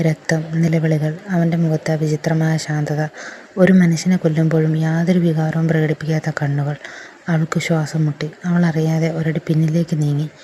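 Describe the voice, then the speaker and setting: Low, flat-voiced woman narrating a story. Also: slight background noise. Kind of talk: scripted dramatic narration.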